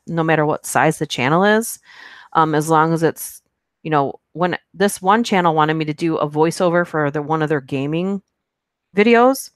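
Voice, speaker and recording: Reading viewers' comments on her live stream, the host of a horror narration channel chats loosely and rambles, full of fillers and giggles. Her voice is low-pitched and smooth. The recording is dry, with clean studio sound.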